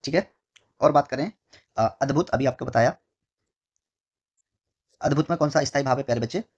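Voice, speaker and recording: Husky male teacher drilling exam answers. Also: medium pitch, dull audio. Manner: repeats key words slowly, keeps asking "ठीक है"; calls the students "my dear children". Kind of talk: exam-prep Hindi lesson.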